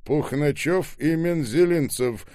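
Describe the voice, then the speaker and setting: A man reading an audiobook, voicing a man who declares things loudly and insistently. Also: fairly low pitch, a little slow, creaky, no echo, clean studio sound. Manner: loud, insistent.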